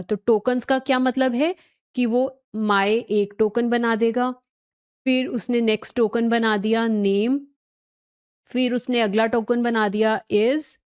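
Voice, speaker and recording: A woman's voice: a little high, clear, resonant tone. A woman teaching a recorded tech lecture, explaining step by step, mixing in English technical terms and often checking that listeners follow.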